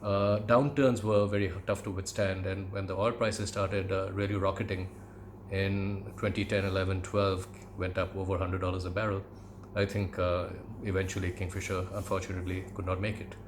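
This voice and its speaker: A middle-aged man from India with an educated Indian English accent, reminiscing in a conversational monologue with measured, hesitant phrasing. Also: low voice, little pitch movement, noisy background. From Calcutta, India. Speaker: podcast host, aviation commentator.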